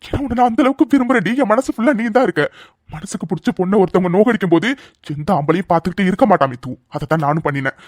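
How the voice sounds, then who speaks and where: A devoted young man pleads and insists at a rapid clip. His lines in this cartoon dub come out dry and close, with no room sound around them. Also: high voice, expressive, no room sound. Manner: pleading and insistent, speaks fast. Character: devoted, protective young man, fiery in love.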